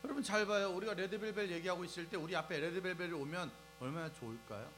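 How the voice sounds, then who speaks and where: A man preaching a lively sermon to young people, asking the crowd questions and acting out scenes as he goes. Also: sits high, fast. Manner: animated, asks the crowd questions and acts out scenes. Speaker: preacher at a youth service. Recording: faint music and mains hum behind.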